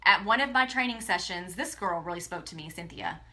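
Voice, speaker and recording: A woman's voice: on the low side, lively intonation, fairly quick, sharp tone. A woman from Texas, talking earnestly to her viewers in a live video, emotional and often close to tears. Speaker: direct sales presenter. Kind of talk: tearful motivational live video.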